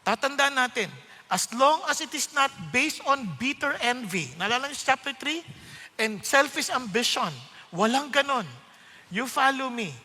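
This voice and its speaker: Man, preacher, very high voice, bright and forceful, animated testimony, echoey hall. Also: unhurried. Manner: animated storytelling, acts out what others said. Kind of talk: sermon testimony.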